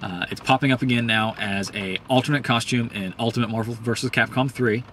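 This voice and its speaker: A mid-pitched man rants in a casual, heated way, swearing often and filling gaps with ums and uhs. His voice jumps higher when he gets worked up. A faint hiss of noise sits under the recording. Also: steady tone, fairly quick, a bit bright. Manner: profane, heated, rambling with many ums. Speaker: host. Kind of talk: casual ranting commentary.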